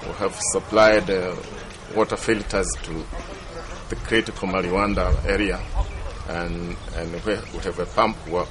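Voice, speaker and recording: A man from Tanzania speaking haltingly in an interview, repeating words. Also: low-pitched, steady tone. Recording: noisy outdoor recording.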